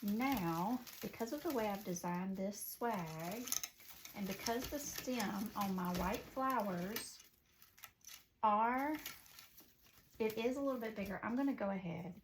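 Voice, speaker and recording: Southern woman craft instructor, gravelly edge, talks in chatty asides. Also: mid-range voice, a little hiss or hum. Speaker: wreath-making instructor. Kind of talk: casual craft tutorial. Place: at home.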